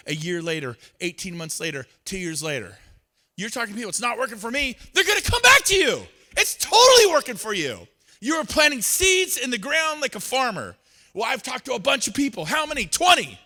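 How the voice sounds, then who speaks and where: Speaking on an event stage, a man in real estate gives a motivational talk and plays out both halves of conversations he's had with others. His voice sits on the high side and has a sharp tone.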